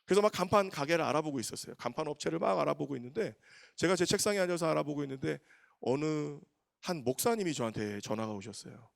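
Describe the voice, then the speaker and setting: 빠르게 말하는 열정적인 남자 목사. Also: male voice, a little high, quick pace, vocal fry, dry recording, clean studio sound. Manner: animated, emotional storytelling with acted quotes. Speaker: pastor. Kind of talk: storytelling sermon.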